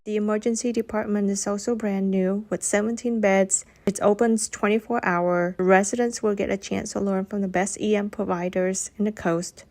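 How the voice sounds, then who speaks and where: A woman's voice: medium pitch, steady tone, moderate pace, few pauses, darkish tone. A woman on the hospital staff giving brief, informative facts.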